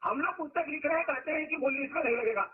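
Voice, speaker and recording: Telling stories and leaning hard on certain words, a male spiritual teacher delivers a discourse to his followers. His very high voice comes out rapid-fire, captured on a lo-fi recording that sounds like a phone.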